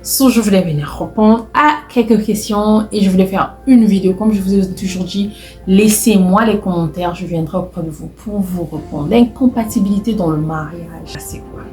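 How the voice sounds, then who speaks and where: This is a woman from Brazzaville giving casual advice straight to her viewers. She has a mellow, dark voice and often repeats herself for emphasis. The room is echoey, with faint music under her. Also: mid-range voice, normal speed. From Republic of the Congo (Brazzaville). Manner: chatty, addresses viewers directly, repeats phrases for emphasis. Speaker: vlogger. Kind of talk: casual advice talk to camera.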